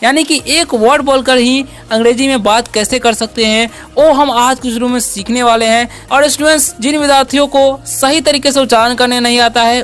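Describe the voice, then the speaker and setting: A woman teaching an English lesson, spelling words out slowly and asking and answering her own questions with a frequent "okay". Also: on the high side. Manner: asks and answers own questions, repeating "ठीक है"; slow, careful spelling-out of words.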